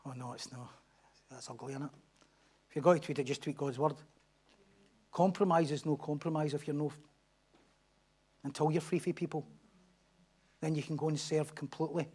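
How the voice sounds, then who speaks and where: Pastor preaching emphatically. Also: male voice, on the high side, steady tone, normal speed, long pauses, darkish tone, slightly rough. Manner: emphatic, repetitive preaching with rhetorical questions. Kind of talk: sermon.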